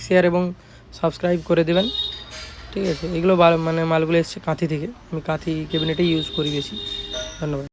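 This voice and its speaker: A West Bengal shop owner with a Bengali accent casually displays what he makes, using emphatic and repetitive sales talk. His voice sits high yet has a darkish tone, and there is slight background noise.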